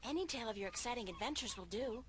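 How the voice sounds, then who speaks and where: A woman's voice: fairly high pitch, lively intonation, rapid-fire, fairly bright tone, a little hiss or hum. Wry young woman adventurer. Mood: polite, curious. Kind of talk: video game character acting.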